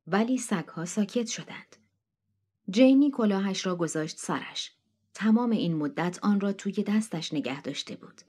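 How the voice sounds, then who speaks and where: Brief: female audiobook narrator, even, measured storytelling delivery. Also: mid-range voice. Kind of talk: audiobook reading of a short story.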